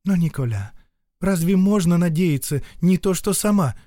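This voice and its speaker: A gentle young noblewoman, put on by a man reading aloud, soft and earnest in a pleading way. She is quietly stubborn. The storybook reading sounds dry and close. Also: sits high, animated, moderate pace, no room sound, pitched above the performer's own voice. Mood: pleading, warm.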